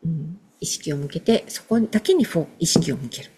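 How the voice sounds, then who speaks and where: A middle-aged woman chatting casually as a guest, telling animated stories and acting out the voices of people she quotes. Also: low-pitched, fairly quick, noisy background. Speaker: guest, emotional wellness practitioner. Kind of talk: casual podcast conversation.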